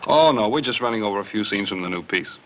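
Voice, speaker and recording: An actor playing a wry, easygoing theatre director and husband, from a 1940s film soundtrack. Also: male voice, lowish voice, animated, fast, fairly bright tone. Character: theatre director and husband, young adult man. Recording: dull 1940s film soundtrack with faint hiss.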